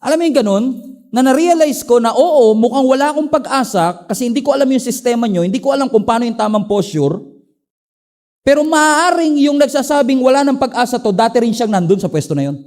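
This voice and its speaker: Middle-aged male Filipino pastor, high-pitched, animated sermon storyteller with dramatic swings in emphasis. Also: fast. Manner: animated storytelling, swings between emphatic highs and low asides. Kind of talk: preaching a sermon in Taglish.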